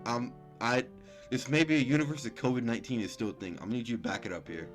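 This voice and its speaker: Over music, a young male gaming host with a mid-range voice speaks fast. He stumbles as he reads the game's text aloud, adding casual, slang-heavy commentary.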